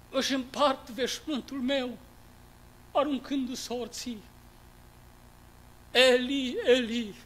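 Male reciter, high and ringing, dramatic devotional poetry, declamatory, wide swings in loudness. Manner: declamatory, swelling from hushed lines to loud cries.

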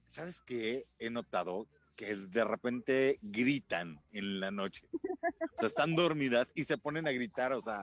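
A man's voice: medium pitch, no echo. A man hosting a casual radio chat, teasing his co-hosts with jokes. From Mexico. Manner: teasing, jokey. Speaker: radio host.

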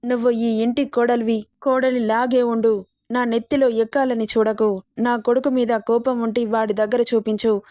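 A woman's voice: a little high, darkish tone, no echo, clean studio sound, close to an everyday voice. A woman voicing a protective middle-aged mother who scolds in an indignant way in a storybook reading. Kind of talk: storybook narration.

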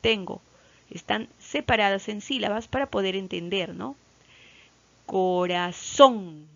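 A woman from Peru teaches primary school children in a recorded classroom lesson, her mid-range voice showing vocal fry and a Peruvian Spanish accent. Slow and patient, she repeats key words, loudly elongates example words, and often asks "¿ya?" to make sure the kids are following. The sound is slightly dull and lo-fi.

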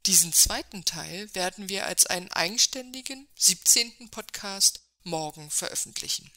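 Woman host, bright tone, formal scripted delivery. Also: mid-range voice. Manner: formal, measured reading. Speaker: podcast host. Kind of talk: scripted interview introduction.

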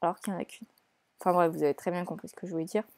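A woman's voice: lowish voice, steady tone, racing, darkish tone, dry recording. A young woman hosting a let's play, chatting casually and teasing the characters she plays, with frequent hesitations. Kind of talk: casual gameplay commentary.

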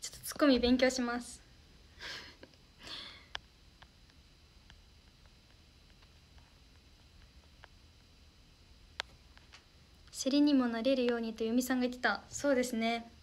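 A woman's voice: on the high side, fairly even intonation, very slow, pauses often. A young woman hosting a casual livestream, reading viewer comments aloud in a bubbly, polite way and thanking them often. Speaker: idol livestream host.

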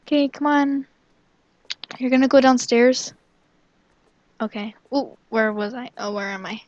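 A woman narrating her gameplay in a casual, giggly and excitable way. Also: fairly high pitch, unhurried, no room sound, muffled recording. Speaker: gaming vlogger.

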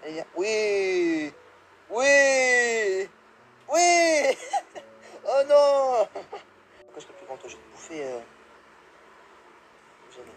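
A young man giving live gameplay commentary, excitable, yelping and laughing, swearing and dropping English exclamations. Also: high voice, slow pace, long pauses, slight background noise, poor audio. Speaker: gamer.

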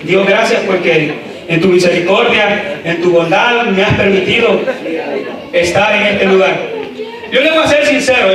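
High-voiced preacher shouting in an echoey church. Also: male voice. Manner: building to loud shouted exhortations; frequent "amén" interjections, talks straight to the congregation. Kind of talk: sermon. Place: church sanctuary. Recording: echoey church from a distant mic.

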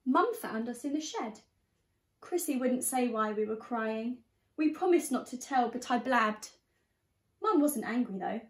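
In an echoey room, a young adult woman with a high voice reads a picture book aloud to small children, teacher-style. She takes her time and reads expressively, speaking directly to her young listeners.

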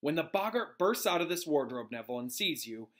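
A man acts out a cheerful wizard professor from a storybook. His voice is raised and swings widely in pitch as he instructs his class. He stays calm and encouraging, stressing his points clearly. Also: brisk.

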